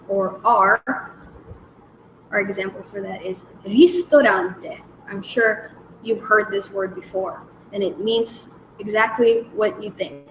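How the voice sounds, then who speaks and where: A woman hosting a language lesson, slowly naming each letter and repeating example words with care. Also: medium pitch, a little hiss or hum. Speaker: language segment host. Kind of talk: slow, careful alphabet lesson. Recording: echoey room with faint background ambience.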